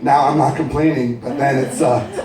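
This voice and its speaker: A man's voice: medium pitch, fairly even intonation, moderate pace, warm tone. A man in his twenties doing wry, self-deprecating spoken-word storytelling at a cafe open mic. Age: 20s. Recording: echoey cafe, mic at a distance.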